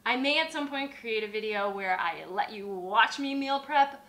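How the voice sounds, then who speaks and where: Bright-voiced upbeat woman in a kitchen. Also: on the high side, lively intonation, normal speed. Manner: upbeat, gestures as she talks. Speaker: dietitian host. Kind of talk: friendly cooking explainer. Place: home kitchen, indoors. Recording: echoey kitchen.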